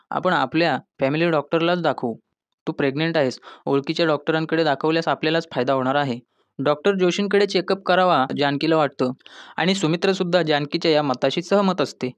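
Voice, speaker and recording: A man's voice: on the high side, no room sound. A man narrating a scripted recap of a TV serial episode, retelling scenes and reading the characters' lines aloud, and at times addressing listeners as friends.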